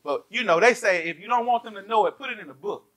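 A male pastor, preaching a lively sermon and firing rhetorical questions at his congregation. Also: sits high, quick pace. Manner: animated, asks the congregation many rhetorical questions. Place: church.

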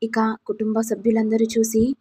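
A woman's voice: fairly high pitch, completely flat delivery, moderate pace, warm tone, breathy edge. A woman narrating a recap of a family serial in plain storytelling.

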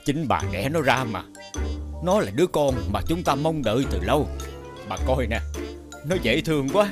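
A man voicing a kind, cheerful village husband in a cartoon, gentle and reassuring. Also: mid-range voice, lively intonation, moderate pace, music in the background, lightly acted. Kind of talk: 3D cartoon dubbing.

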